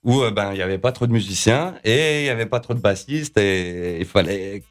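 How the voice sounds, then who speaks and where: A man's voice: on the low side, fairly quick. A man from the Vosges answering interview questions hesitantly, with many fillers. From Vosges, France. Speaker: label founder, musician.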